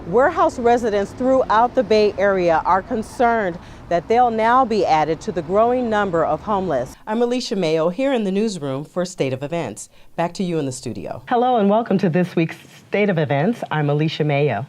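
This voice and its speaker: A woman's voice: medium pitch, lively intonation, moderate pace, a little mellow, a little hiss or hum. An American woman reporting scripted TV news as an anchor and correspondent.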